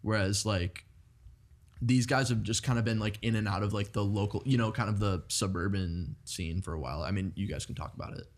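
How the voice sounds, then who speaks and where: Rambling young man, lower voice. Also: a little fast. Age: 20s. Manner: rambling, many "like" fillers. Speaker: band member guest. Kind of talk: casual interview chat.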